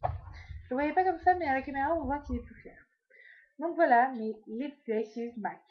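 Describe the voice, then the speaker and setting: A woman's voice: high voice, moderate pace, dull audio. A woman chatting casually through a makeup haul at home, with many fillers and trailing asides. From France. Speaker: beauty vlogger. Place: at home, indoors.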